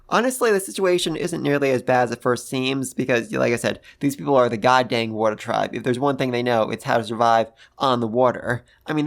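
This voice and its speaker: A man reviewing an anime episode in casual talk, enthusiastic and gushing, with casual swearing and lots of fillers. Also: mid-range voice.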